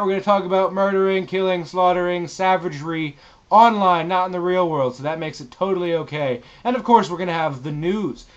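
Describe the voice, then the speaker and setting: A man with a somewhat high voice speaks as a gaming vlogger. He addresses viewers casually, with emphatic, showy delivery and plenty of casual swearing. The sound is slightly dull and lo-fi. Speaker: gaming channel host. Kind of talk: casual vlog monologue to viewers.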